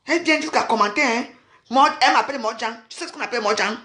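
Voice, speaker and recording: Woman, bright edge, scornful scolding rant to camera. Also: fairly high pitch, fast. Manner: scolding, mocking, repeats insults. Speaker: vlogger. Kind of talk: angry rant at commenters.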